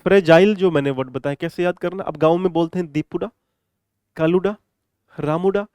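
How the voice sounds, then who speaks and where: A man teaching an exam-prep vocabulary lesson in a chatty, repetitive way, warmly addressing his students and mixing in English phrases. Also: high-pitched, a little fast, smooth, no echo.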